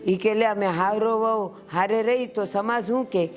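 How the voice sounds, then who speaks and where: A woman's voice: mid-range voice, normal speed, close to an everyday voice. A woman playing a blunt Kathiawadi village mother. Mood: confiding. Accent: Kathiawadi Gujarati. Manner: scolding, blunt. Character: protective elderly village mother, firm and outspoken. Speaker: actor. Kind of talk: village family drama acting. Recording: soft music under the voice.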